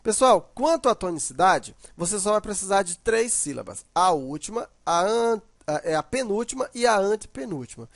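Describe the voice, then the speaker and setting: A man's voice: high-pitched, very animated, moderate pace, dry recording, clean studio sound. A man giving a grammar lesson, methodical and repeating examples, often checking in with his students. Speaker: teacher.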